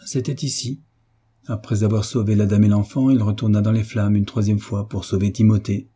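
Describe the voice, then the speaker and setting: A man voicing an elderly, grey-bearded village priest who speaks gravely with a melancholy tone, in an audiobook reading. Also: fairly low pitch, little pitch movement, a little fast, warm tone.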